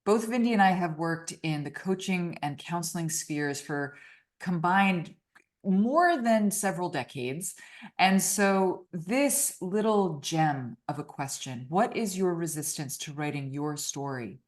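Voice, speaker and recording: A woman co-author hosting a book launch video, talking in a quick, chatty, upbeat way with casual fillers. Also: on the low side, expressive. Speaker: co-author and host.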